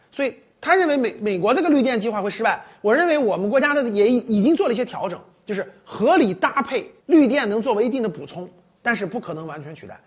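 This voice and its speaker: A woman talks through a list of forecasts in loose, chatty commentary, giving her own verdict on each point. Her voice is slightly husky, and her pitch rises and falls in a lively way. She comes across as opinionated, adding her own take with restarts and fillers. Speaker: finance commentator.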